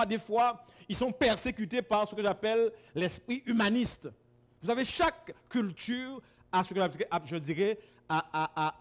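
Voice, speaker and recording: Recorded by camera, a Guadeloupean preacher addresses a congregation in a church hall, his sermon alternating between booming exclamations and low side remarks.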